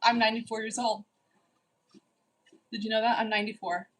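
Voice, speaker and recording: A woman's voice: on the high side, level tone, fairly quick, fairly bright tone, poor audio. A woman in her forties hosting a livestream, reading viewers' chat in a teasing, bossy way and scolding rude commenters. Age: 40s. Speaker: livestream host. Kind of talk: casual live chat reading.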